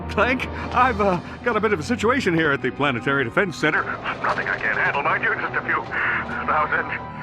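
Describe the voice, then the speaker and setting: An actor playing a pompous, cowardly superhero captain full of hedging bravado in a video game. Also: male voice, fairly high pitch, lively intonation, a little fast, music in the background, close to an everyday voice. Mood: nervous bravado.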